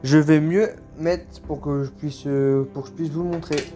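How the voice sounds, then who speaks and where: A man chats through an unboxing on his phone in a slightly higher voice. He gushes and exclaims constantly and talks in easy, slangy speech, with faint music playing underneath. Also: fairly even intonation, moderate pace, mellow. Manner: gushing, exclaims often, lots of slang. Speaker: toy unboxing vlogger. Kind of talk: excited casual unboxing commentary.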